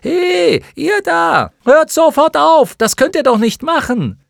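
A man voicing an upset young boy in an audiobook, shouting in a strained, high voice. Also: sing-song, takes it slowly, gravelly, no echo, clean studio sound, full character voice. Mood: outraged.

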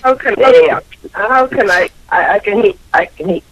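A man's voice: sits high, expressive, moderate pace, a bit bright, dry recording, muffled recording, pitched above the performer's own voice, full character voice. A man voicing a confused, hard-of-hearing old man who quavers and strains to hear, in a prank call comedy bit.

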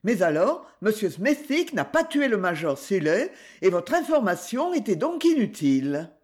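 A woman's voice: mid-range voice, big pitch swings, moderate pace, darkish tone, lightly acted. A woman voicing a composed, courteous lady who questions a suspect lightly and politely. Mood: calm. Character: calm genteel lady investigator, amiable.

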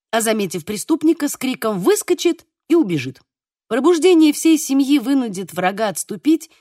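A woman narrating an audiobook in an expressive, animated reading. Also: high voice, no echo, clean studio sound.

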